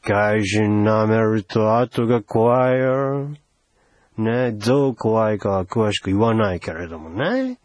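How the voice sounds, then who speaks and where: A man's voice: fairly high pitch, sing-song, takes it slowly, no echo, full character voice. A man playing a pushy, teasing older foreign envoy in a solo comedy sketch, wheedling in broken Japanese with English phrases.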